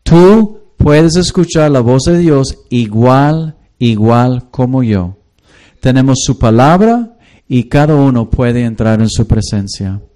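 Slow, mellow-voiced man preaching a sermon. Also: medium pitch, expressive. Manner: slow, reads scripture and acts out everyday voices. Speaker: pastor. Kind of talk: sermon with Bible reading.

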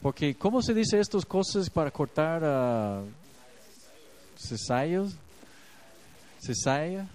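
A man's voice: a little high, animated, slow, long pauses, darkish tone, clear, resonant tone, low-quality recording. A man giving a devotional Bible reflection, earnest and personal, speaking in a confessional way. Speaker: preacher.

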